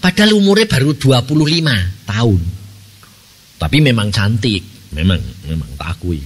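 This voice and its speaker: A middle-aged man with a Javanese accent preaching a sermon, telling stories in a lively way and often asking the congregation questions. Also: medium pitch, normal speed, husky. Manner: animated storytelling, asks the congregation questions. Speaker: evangelist preacher. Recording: reverberant church hall.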